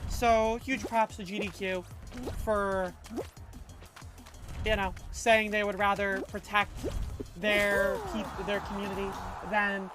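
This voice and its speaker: A woman with a medium-pitched, slightly bright voice hangs out with her livestream viewers, reading the chat aloud in loose, slangy, rambling fashion. Music plays faintly in the background.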